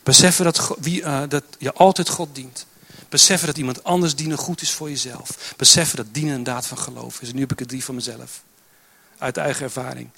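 A man's voice: mid-range voice, steady tone, a little fast, vocal fry, bright, forceful tone, breathy edge. A man preaching a sermon in church, pressing his points with emphatic, repeated phrases. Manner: builds to emphatic, repetitive exhortation.

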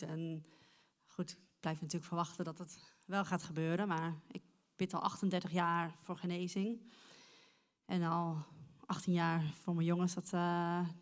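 A middle-aged woman shares a personal testimony at church in a reflective way. Her voice is fairly low and stays level, and she often pauses on "ja" while she gathers her thoughts. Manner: reflective, with frequent "ja". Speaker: church member giving a testimony.

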